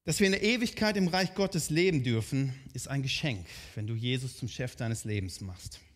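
A man's voice: medium pitch, moderate pace. A man preaching a sermon in a conversational way, often asking his listeners direct questions.

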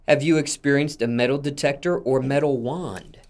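Interview host, man with a mid-pitched voice, measured and methodical with his questions. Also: darkish tone.

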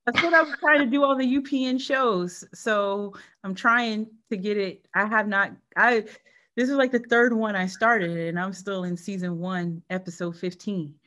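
A woman's voice: mid-range voice, normal speed, sharp tone. Give me a chatty woman co-host who laughs often in casual talk. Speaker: podcast co-host. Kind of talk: casual chat.

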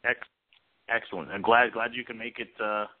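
A man hosting an informal sports talk show in a halting, repetitive, unscripted way. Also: medium pitch, fairly even intonation. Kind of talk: unscripted internet radio talk. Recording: muffled narrow-band phone-like internet radio.

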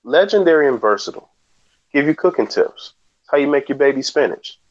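A man co-hosting a podcast in casual chat, joking with dry, deadpan asides. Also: medium pitch, brisk, highs cut off. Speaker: podcast co-host.

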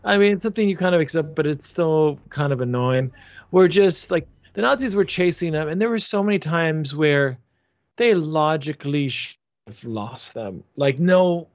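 A man's voice: on the high side, expressive, normal speed, no room sound, muffled recording. A man in casual podcast chat, rambling with frequent restarts and fillers. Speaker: podcast co-host.

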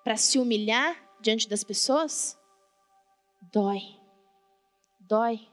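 This Brazilian woman delivers a sermon with fervent, colloquial energy, constantly putting questions to her congregation in a Brazilian Portuguese accent. Her voice is on the high side and slow-paced, and the recording has the reverb of a large hall with faint music in the background.

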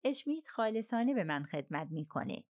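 A woman's voice: mid-range voice, big pitch swings, darkish tone, no room sound, clean studio sound, voice pushed up, close to an everyday voice. A woman reading as a composed old princess. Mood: cold, slow. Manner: slow, measured and composed. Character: aloof, calm elderly princess, slow-spoken. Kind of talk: audiobook character reading.

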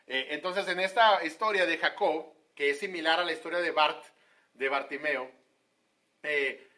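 A man's voice: mid-range voice, bright, forceful tone. A man from Monterrey, Mexico, preaching a sermon in a conversational way, with frequent hesitations.

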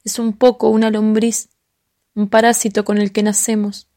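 A woman reciting a poem in an even, contemplative way. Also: medium pitch, normal speed. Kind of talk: poetry reading.

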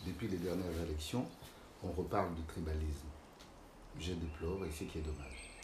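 An older man from Congo answering interview questions in a measured, explanatory way. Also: low-pitched, fairly even intonation. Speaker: guest. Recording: echoey room with faint noise.

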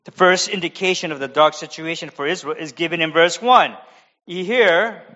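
A high-pitched man delivers an expository sermon in an American accent, moving from careful explanation into relaxed, chatty asides. The recording is muffled and lo-fi. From United States. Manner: expository preaching, conversational asides. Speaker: pastor.

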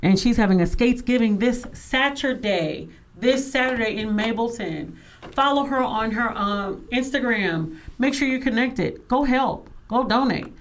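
An energetic woman hosts a casual talk show from her studio. She talks with emphasis and drive, and she sounds a little forceful even when she is thanking people. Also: a little high. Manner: emphatic and animated, says she sounds aggressive. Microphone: studio microphone.

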